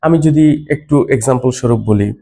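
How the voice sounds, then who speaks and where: A man's voice: mid-range voice, quick pace, mellow. A man teaching an English phonics lesson, patiently explaining and spelling out words letter by letter.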